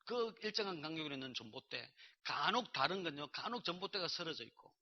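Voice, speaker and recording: A man's voice: a little high, expressive, quick pace. A male pastor giving a sermon, telling a story and acting out the dialogue himself. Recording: dull lo-fi sermon recording.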